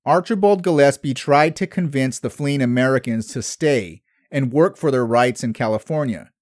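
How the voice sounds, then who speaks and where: A man hosting a history podcast, telling the story in measured, scripted narration. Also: medium pitch, darkish tone, no room sound, studio quality.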